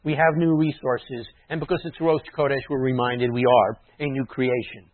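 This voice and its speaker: A man's voice: medium pitch, fairly even intonation, normal speed, dry recording. Man preaching a teaching sermon over a tinny line. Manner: teacherly, explains terms, drops to quiet asides. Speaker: messianic rabbi preaching. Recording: dry tinny phone-like sound.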